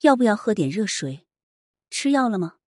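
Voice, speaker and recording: A woman voicing a gentle worried husband. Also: medium pitch, very animated, normal speed, dry recording, studio quality. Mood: soothing. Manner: soft, soothing.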